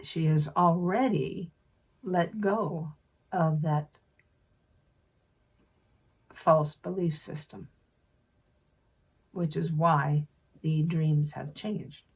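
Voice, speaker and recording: A woman channeling a spirit in slow, measured speech, with a husky voice. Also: low voice, recorded from a distance. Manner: slow, measured, unhurried delivery.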